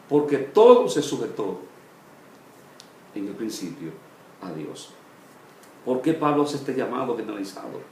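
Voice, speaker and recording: In a roomy space with slight background noise, a male pastor teaches Bible study. He speaks in brief phrases with pauses and "eh" fillers, letting each one trail off softly and low.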